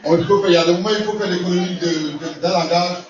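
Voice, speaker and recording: Quick-paced and high in pitch with fairly even intonation, this man gives a jovial, laughing sponsor's speech and frequently repeats himself. Background noise and a crowd of guests fill the large event hall, heard through a roomy, distant, lo-fi recording of the community gala.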